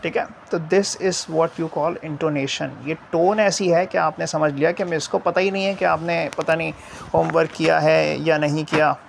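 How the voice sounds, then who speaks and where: A male English teacher talks through a lesson, mixing Urdu and English. His voice sits a little high and has a rough, gravelly edge. He keeps checking in with "theek hai" after nearly every phrase, over a faint background hum. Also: little pitch movement, a little slow. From Pakistan.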